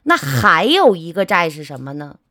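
A woman voicing a weary, fatalistic middle-aged rural uncle who talks in a gruff, scolding, sighing way. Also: sits low, very animated, moderate pace, sharp tone, no echo, studio quality, full character voice. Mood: gloomy.

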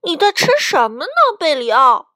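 An eager little chick, put on by a woman storyteller, chirps in a squeaky, very high voice. The pitch bounces widely. The recording is dry and close. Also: huge pitch swings, moderate pace, sharp tone, dry recording, full character voice. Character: excited young chick, boy.

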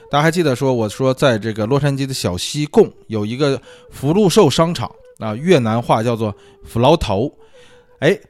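A man hosting a casual solo talk show, musing aloud in a chatty way with many fillers. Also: medium pitch. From China. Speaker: podcast host. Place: lives abroad.

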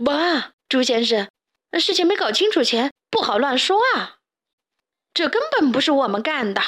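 A woman voicing a loud, boisterous young chick in a children's storybook. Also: sits high, very animated, moderate pace.

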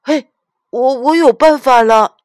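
A woman's voice: fairly high pitch, animated, slow pace, no room sound, studio quality, pitched above the performer's own voice. Woman doing a pleading little girl bear cub. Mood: eager. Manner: pleading, questioning.

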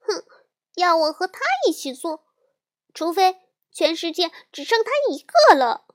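A woman voicing a young girl bear cub who yells back in a shrill, hot-tempered way in a storybook reading. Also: expressive, unhurried. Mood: angry shouting. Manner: shrill yelling.

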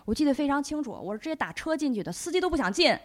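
Lively woman telling a story. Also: sits high, racing. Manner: animated, chatty storyteller. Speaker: guest. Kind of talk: casual storytelling chat.

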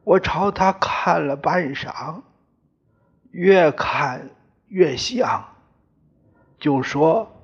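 A man reading a novel aloud in the first person, with slow, weighty storytelling. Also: fairly high pitch, slightly rough. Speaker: audiobook narrator. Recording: dull lo-fi recording.

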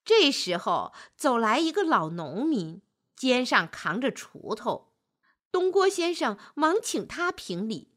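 A woman narrating a children's story in an expressive, deliberate way. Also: a little high.

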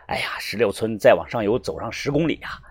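A storyteller voicing a middle-aged innkeeper who talks in a hushed, fretful way. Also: mid-range voice, animated, quick pace, slightly rough, voice pushed down. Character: older male innkeeper, fussing.

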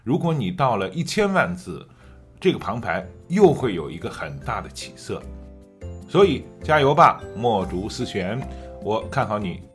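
A man coaching audiobook narration, explaining patiently and reading example passages with drawn-out emphasis. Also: on the low side, very animated, a bit bright, faint music behind. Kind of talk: teaching with read-aloud demonstrations.

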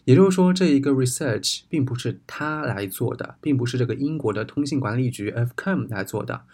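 A man's voice: medium pitch, animated, fairly quick, darkish tone, slightly rough. A Chinese man, a native Chinese speaker, teaching English words in Mandarin and spelling them out letter by letter. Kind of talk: explaining an English news text in Chinese.

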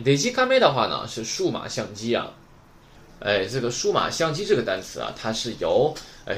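A man's voice: mid-range voice, a bit bright, a little hiss or hum. A man from Northeast China teaching a Japanese vocabulary lesson, explaining patiently and asking rhetorical questions as he goes.

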